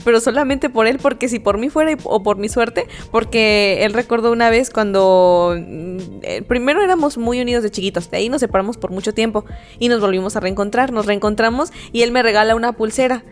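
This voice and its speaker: A woman's voice: fairly high pitch, a little fast, faint music behind. A woman co-hosting a casual faith podcast, telling stories and acting out the dialogue. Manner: animated storyteller acting out quoted dialogue. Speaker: podcast co-host.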